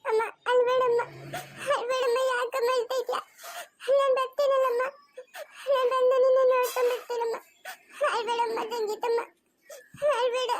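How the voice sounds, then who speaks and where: Woman doing a very high little boy voice. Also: flat delivery, moderate pace, pauses often, soft background music. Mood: pleading. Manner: soothing, repeats pleas not to cry. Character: small boy comforting his crying mother. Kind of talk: family drama acting.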